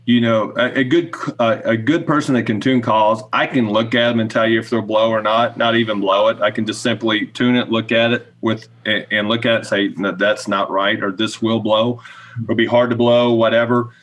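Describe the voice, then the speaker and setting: A man's voice: mid-range voice, level tone, fairly quick, hardly any pauses, a bit bright, muffled recording. A middle-aged man giving casual, plain-spoken explanations as an interview guest on a podcast. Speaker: podcast guest, goose call maker. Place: small indoor room with wooden shelves, on video call.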